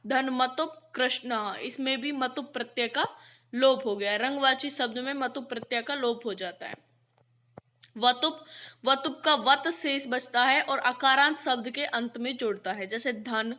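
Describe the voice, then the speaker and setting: A woman's voice: sits high, pushed and bright. A woman teaching an exam-prep grammar lesson, stating each rule and then stretching out worked examples methodically.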